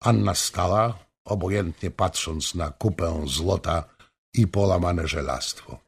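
Slow gravelly male narrator. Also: low-pitched. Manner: dramatic, expressive reading. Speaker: audiobook narrator. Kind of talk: scripted narration of a historical novel.

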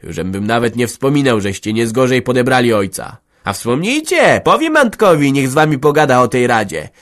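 A man reading an audiobook, voicing a sly village headman who coaxes in a slow, confiding way. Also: lowish voice, close to an everyday voice. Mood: threatening. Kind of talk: audiobook character voice.

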